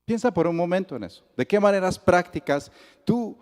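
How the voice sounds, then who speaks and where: A man's voice: high voice, brisk, long reverb tail. A man with a Colombian accent, a pastor preaching a sermon and acting out the dialogue as he tells the story. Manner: lively storytelling that acts out the dialogue. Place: church sanctuary.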